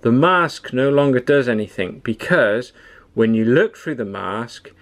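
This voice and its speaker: A plain-spoken man in his forties walks through a product review in his own workshop. He talks in a practical, down-to-earth way and gives direct advice, with a voice of ordinary pitch. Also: lively intonation, a little slow. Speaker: tool reviewer. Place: home workshop with tools on the wall.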